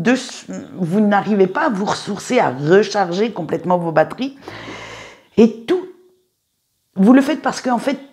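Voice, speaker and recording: A woman's voice: medium pitch, dark tone. A woman giving a casual tarot reading to her viewers, chatty and hesitant, with frequent fillers and restarts. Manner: chatty, addresses viewers directly. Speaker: tarot reader.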